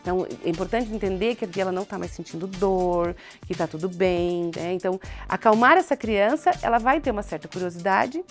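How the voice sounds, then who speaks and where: A woman's voice: medium pitch, brisk, few pauses, soft background music. A woman psychologist, a guest on a studio talk show, explaining things patiently and often asking and answering her own questions.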